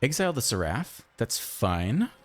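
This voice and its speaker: A man giving casual, chatty commentary over his own card game, thinking aloud and breaking into excited outbursts. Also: medium pitch, measured pace. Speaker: gaming channel host.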